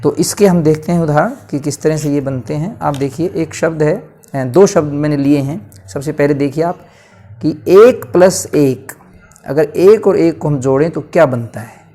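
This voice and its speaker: A man with a north Indian Hindi accent teaching a grammar lesson at a board. He asks questions and answers them himself, and he stretches words out slowly to show how they are said. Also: fairly high pitch, dark tone.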